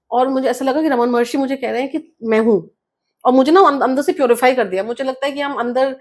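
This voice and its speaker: A guest author, a woman, shares a personal story during an interview, speaking earnestly and frequently slipping English words into her speech. Her voice sits high and is a little mellow.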